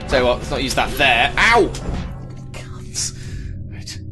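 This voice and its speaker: A man commenting on a video game as he plays it. He gets excitable, swears often and puts on silly voices. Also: medium pitch, moderate pace. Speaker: let's play host. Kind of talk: gameplay commentary. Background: game music.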